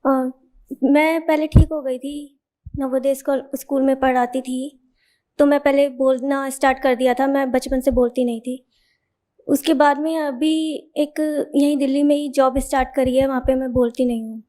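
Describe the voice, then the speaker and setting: A young woman in the audience asking a question into a handheld mic, soft-spoken and hesitant. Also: high voice, little pitch movement, moderate pace. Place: large hall at a festival.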